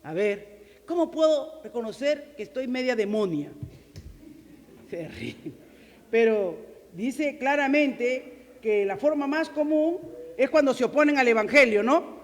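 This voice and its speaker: A woman preacher giving an emphatic sermon, full of rhetorical questions and swings from loud to quiet. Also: high voice, lively intonation, unhurried, pauses often, long reverb tail.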